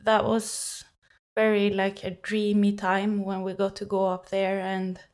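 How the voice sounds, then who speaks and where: A young woman with a Norwegian accent who speaks Norwegian natively, chatting as a guest in an interview, cheerful, laughing often, pausing with many fillers. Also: mid-range voice, completely flat delivery, a little mellow. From Norway. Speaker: guest musician. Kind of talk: casual interview talk.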